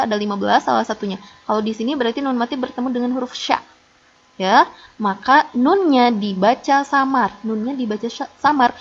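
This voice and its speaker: A woman teaching a class of children, patient and coaxing, who models slow, careful recitation for them to repeat. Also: on the high side. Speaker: religion teacher. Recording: dull lo-fi audio.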